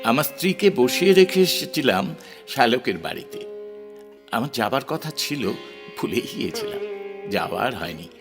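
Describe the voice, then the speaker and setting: In a Bengali audio drama, a male actor narrates in first person as a married poet who is romantic, conflicted and questioning himself. His medium-pitched, sing-song voice sounds reflective, with a theatrical, emotive delivery that sometimes halts. Music plays beneath him.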